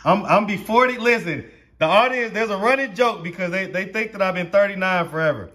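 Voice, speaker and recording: An easygoing man of thirty-nine with a Southern US accent asks chatty questions in a street interview. He laughs often, and his voice sits high for a man. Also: a little fast, pushed and bright. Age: 30s. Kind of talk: casual interview.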